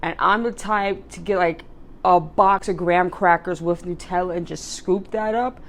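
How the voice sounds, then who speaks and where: A young woman chatting casually through a food vlog, talkative and animated, laughing often. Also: on the low side, normal speed. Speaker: vlogger. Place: in her car, then at home.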